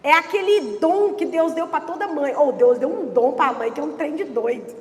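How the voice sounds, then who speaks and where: A woman pastor preaching a lively, chatty sermon and teasing the congregation. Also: high voice, normal speed. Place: church. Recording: reverberant church hall.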